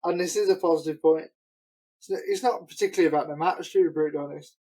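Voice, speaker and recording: A man co-hosting a podcast in relaxed, joking chat. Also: a little high, fast, rough recording. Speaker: podcast co-host. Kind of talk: casual chat.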